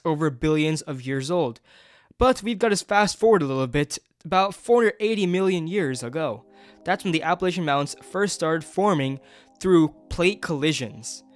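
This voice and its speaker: A young man vlogging a mountain hike, enthusiastically explaining geology and nature outdoors. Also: fairly high pitch. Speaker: travel vlogger. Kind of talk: educational hiking vlog.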